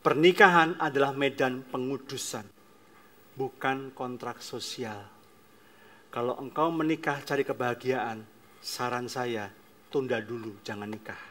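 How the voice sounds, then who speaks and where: A male pastor preaching a sermon, emphatic, swinging between loud declarations and soft asides. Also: mid-range voice, fairly even intonation, unhurried.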